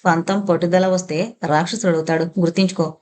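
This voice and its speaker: A woman's voice: on the low side, fairly even intonation, brisk, darkish tone, natural voice. A woman voicing a female household attendant who coaxes and reasons with a young woman in an audio novel. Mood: pleased. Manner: coaxing, reasoning. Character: persuading female household attendant, motherly advisor.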